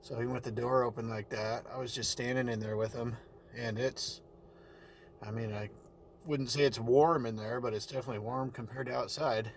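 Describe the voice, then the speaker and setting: A man's voice: mid-range voice, fairly even intonation, a little fast, gravelly, slight background noise. A man filming a casual vlog from his snowy sheep ranch, talking in an easygoing way, his voice muffled by a face mask. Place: outdoors on a snowy ranch and in a car.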